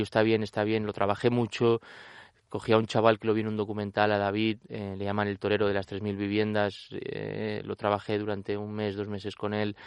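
A young man, an actor, talking about his film role in a relaxed interview, often restarting his sentences. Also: lowish voice, clean tone, no echo. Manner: animated, with many restarts and repetitions. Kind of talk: casual interview talk.

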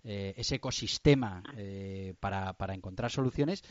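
A fairly low-voiced man hosts a radio interview, asking chatty, teasing questions. His voice sounds dry and close, a little dull in tone. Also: normal speed, dry recording. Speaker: radio host.

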